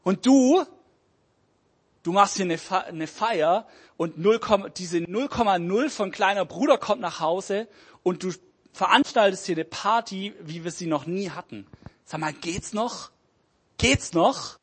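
A man's voice: on the high side, a little fast, hardly any pauses, husky. A man playing a furious, ranting older brother. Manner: shouting, ranting.

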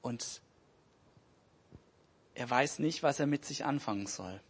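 Husky-voiced man telling a sermon story. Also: medium pitch, slow pace. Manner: animated storytelling, shifting between loud and hushed. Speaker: preacher. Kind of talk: sermon retelling a parable.

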